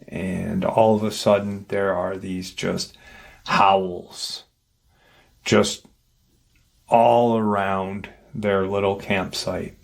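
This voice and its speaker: A man's voice: low voice, level tone, extremely slow, gravelly. A man retelling a paranormal encounter account in unscripted speech, with frequent fillers and restarts. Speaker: paranormal story narrator.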